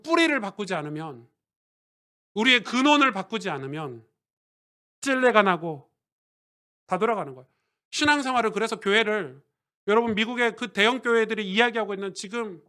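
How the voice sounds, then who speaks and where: Male pastor, high-pitched, conversational sermon delivery with sudden emphatic swells. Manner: swings from quiet asides to loud emphatic preaching; conversational, asks the congregation questions.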